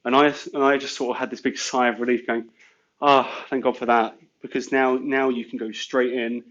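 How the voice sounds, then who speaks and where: A man's voice: mid-range voice, level tone, a little fast, fairly bright tone, highs cut off. An English man telling business stories in a rambling casual chat, full of "you know" and "sort of". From England. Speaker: guest entrepreneur.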